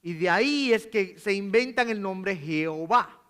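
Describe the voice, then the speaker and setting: A man's voice: high-pitched, expressive, unhurried, fairly bright tone, smooth. A man preaching a sermon as pastor, explaining patiently with rhetorical questions and reading scripture aloud with emphasis. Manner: asks rhetorical questions, frequent "¿verdad?". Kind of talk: sermon teaching. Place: church.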